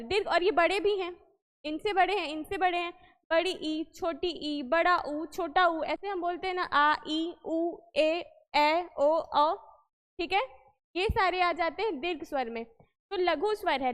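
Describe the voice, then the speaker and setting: A woman's voice: very high voice, fairly bright tone, in a large hall. A woman teaching a Hindi lesson for exam preparation, explaining patiently, repeating points and quizzing the listener.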